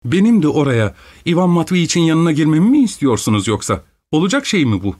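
A flighty, capricious young wife, as a male narrator puts her on in an audiobook, speaks in a raised, petulant voice full of exclamations. She sounds high-strung and quick to take offense. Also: very animated, darkish tone. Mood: indignant.

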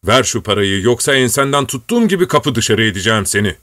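A man's voice: mid-range voice, very animated, fast, fairly bright tone, no room sound, studio quality, voice pushed up. A man voicing a proud, impulsive young nobleman who gives orders to his servant. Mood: commanding. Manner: commanding, later coaxing.

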